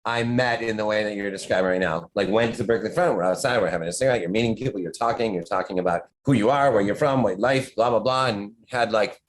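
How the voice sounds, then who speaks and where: A man's voice: fairly low pitch, fast, few pauses, slight background noise, poor audio. Rambling, stammering man guest. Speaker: podcast guest, horror author. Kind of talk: casual chat.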